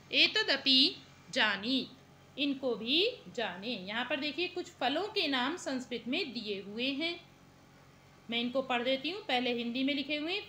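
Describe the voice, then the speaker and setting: A woman teaching a Sanskrit vocabulary lesson, reading word pairs slowly and explaining them in quick asides. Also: high-pitched, sharp tone, a little hiss or hum.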